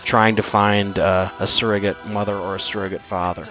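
A man's voice: fairly low pitch, flat delivery, a little fast, pushed and bright, soft background music. A man co-hosting a casual album review chat, hesitant and full of fillers as he checks his notes. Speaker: podcast co-host reviewing an album.

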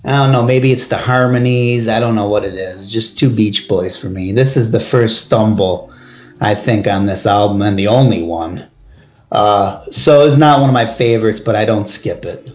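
A man's voice: on the low side, normal speed, darkish tone, echoey room, dull audio. A man co-hosting a casual album review chat, enthusiastic and steering the track-by-track talk. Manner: enthusiastic, leads the track order and asks his partner's view. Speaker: podcast co-host reviewing an album.

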